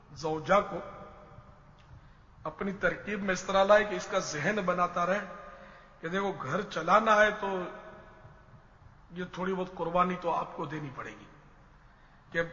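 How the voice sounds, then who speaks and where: Man, preacher, advice lecture, bright tense tone, dull lo-fi recording, roomy echo. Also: sits high. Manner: patient, explanatory, advising listeners with everyday examples. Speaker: religious preacher. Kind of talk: Islamic advice lecture on family life. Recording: dull lo-fi sound in a reverberant hall.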